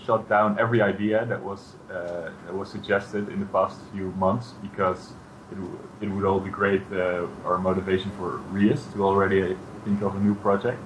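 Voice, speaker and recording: A very deep-voiced man answers interview questions as a game developer. He speaks cautiously, filling gaps with uh, and there is clear noise behind him. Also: little pitch movement, moderate pace, rough recording. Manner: hesitant, many uh fillers, cautious. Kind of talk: casual interview chat.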